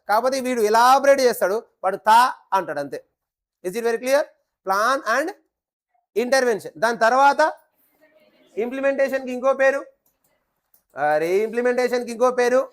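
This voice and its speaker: A man's voice: extremely high pitch, a bit bright. Playful male teacher. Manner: playful, repeats key terms and quizzes the class. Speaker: nursing exam coaching teacher. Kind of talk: classroom lecture with call-and-response questions.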